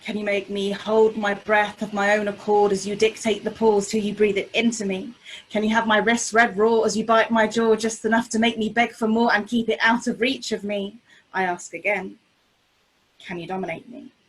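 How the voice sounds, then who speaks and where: High-voiced woman performing spoken-word poetry. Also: a bit bright, low-quality recording. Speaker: slam poet. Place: remote online video call.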